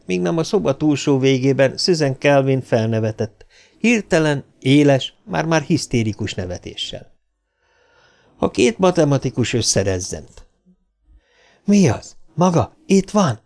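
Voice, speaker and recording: Male audiobook narrator, low, steady storytelling, mid-pitched voice. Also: vocal fry. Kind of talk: scripted narration.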